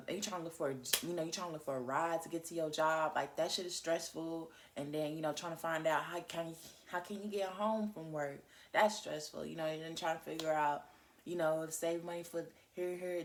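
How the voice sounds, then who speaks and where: A young woman vlogging in a casual chat straight to her viewers, candid and chatty and swearing freely. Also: low voice.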